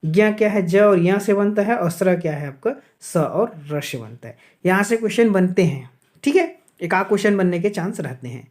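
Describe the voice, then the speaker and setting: With a voice that sits high, expressive and slightly mellow, a man from Chhattisgarh, India, teaches exam-prep grammar. He answers his own questions, checks in often using "okay", and slows right down to pronounce sounds individually.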